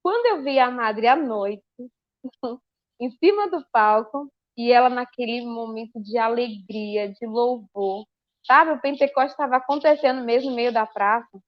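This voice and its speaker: A woman, a religious sister, giving a lively personal testimony on a podcast and acting out her own past dialogue. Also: fairly high pitch, a little slow, dry recording, muffled recording.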